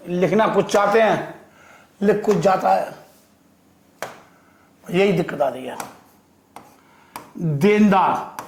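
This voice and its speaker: A male accounting teacher giving a classroom lecture in a digital-board classroom, asking the class questions and answering them himself, and drawing key terms out slowly. He speaks English with an Indian accent. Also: sits high, gravelly, reverberant, slight background noise. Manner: asks the class questions and answers them himself, calls students "beta" and "bachhon"; slow, drawn-out repetition of key terms.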